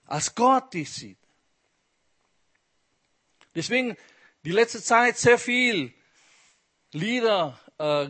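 A man's voice: high voice, a bit bright. A man preaching a sermon with emphasis, asking the congregation questions as he goes.

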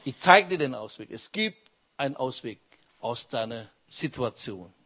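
Male preacher, slow and deliberate, keeps quizzing the crowd. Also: medium pitch, expressive, pushed and bright, breathy edge. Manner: emphatic, quizzes the congregation. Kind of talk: sermon.

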